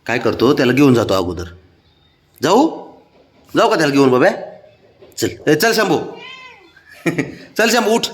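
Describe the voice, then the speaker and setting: A man talks to his pets at home, teasing and coaxing them in sing-song baby talk. His voice sits a little high and swings widely up and down as he plays along. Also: very animated, measured pace, long pauses. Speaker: pet owner talking to his cats.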